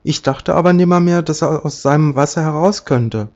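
A man's voice: on the high side, moderate pace, a little mellow, dull audio, voice pushed up, close to an everyday voice. Man doing a whiny young princess. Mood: pleading. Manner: whiny, pleading. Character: spoiled, fretful young princess.

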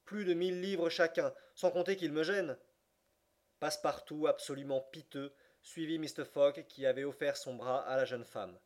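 Man, audiobook narrator, middle pitch, steady measured reading, scripted narration.

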